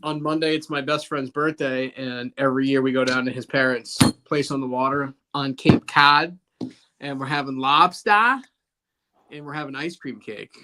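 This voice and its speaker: A man with a Boston accent who talks fast and slurs his words, hosting a casual live-stream chat. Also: mid-range voice, fairly even intonation, sharp tone.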